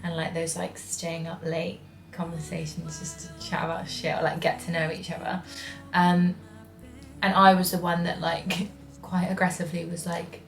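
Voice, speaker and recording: Chatty young woman, lowish voice. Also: normal speed, vocal fry, faint music behind. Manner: chatty, lots of "like", expressive storytelling. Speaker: vlogger in a couple Q&A. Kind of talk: casual chat. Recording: echoey room.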